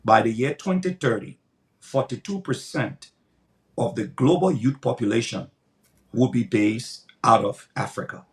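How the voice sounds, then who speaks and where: Answering interview questions with a preacher's cadence, this older pastor sounds earnest and emphatic, frequently repeating words to build his points. He speaks a little slowly in a mid-range voice.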